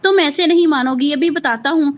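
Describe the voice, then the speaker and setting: A woman's voice: high voice, brisk, highs cut off, natural voice. A woman voicing a harsh, angry young husband in a read-aloud romance novel, with an accusing manner.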